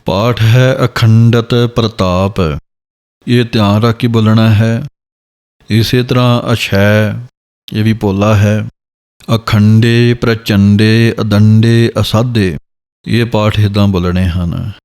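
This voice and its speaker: A man teaching how to pronounce scripture, chanting verses slowly and then explaining each word. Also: on the low side, fairly even intonation, a little mellow. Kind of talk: scripture pronunciation lesson.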